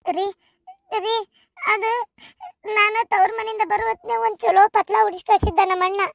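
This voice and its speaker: A woman's voice: extremely high pitch, steady tone, a little fast, gravelly. A woman voicing an anxious, tearful young village wife with a North Karnataka accent who frets and whines. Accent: North Karnataka Kannada. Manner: whining, worried, tearful.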